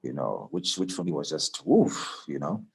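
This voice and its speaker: A man's voice: normal speed, creaky. A man working as a radio announcer, telling stories from his career in a casual interview, often repeating words as he starts. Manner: animated storyteller, acts out quoted voices higher and louder.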